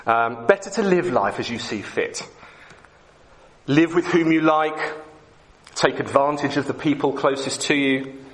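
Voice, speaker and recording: A man's voice: medium pitch, measured pace, long pauses, a bit bright, lightly acted. A man playing a false teacher who talks in a casual, coaxing and dismissive way. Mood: breezy. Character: man, a smooth false teacher with breezy lies.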